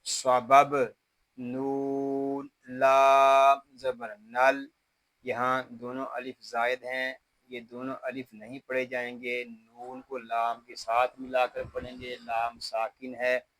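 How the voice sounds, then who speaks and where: A man with an Urdu accent teaching Quran recitation, spelling each word slowly letter by letter and then explaining the rules. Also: medium pitch, fairly bright tone, dry recording, low-quality recording. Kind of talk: word-by-word tajweed spelling lesson.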